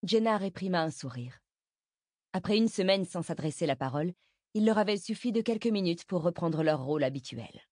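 A woman reading a novel aloud as narrator, in an even, measured manner. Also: lowish voice, dry recording, studio quality. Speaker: audiobook narrator. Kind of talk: scripted narration.

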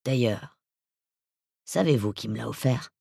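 A narrator voicing a hulking middle-aged male villain, who talks in a soft, slow, threatening way with a hollow, hissing voice. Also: medium pitch, animated, vocal fry, breathy edge, no room sound, clean studio sound, voice pushed down, heavily acted. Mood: quiet menace. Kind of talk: audiobook character voice.

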